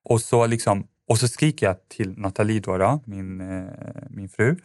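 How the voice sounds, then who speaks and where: A man's voice: fairly low pitch, fairly even intonation, darkish tone, dry recording, clean studio sound. A man, a podcast guest, telling a personal story in a casual, rambling way with lots of fillers and restarts.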